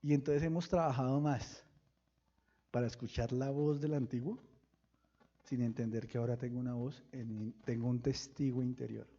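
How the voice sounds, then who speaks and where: A pastor preaching a sermon, firing questions at the congregation and breaking into sudden loud bursts. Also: male voice, medium pitch, fairly even intonation, normal speed, husky, lo-fi sound. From Colombia.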